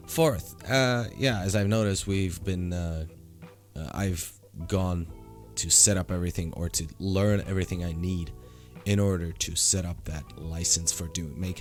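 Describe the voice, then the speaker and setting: Low-voiced young man with a sore throat. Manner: rambling, many fillers and restarts. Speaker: vlogger. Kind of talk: casual daily vlog update.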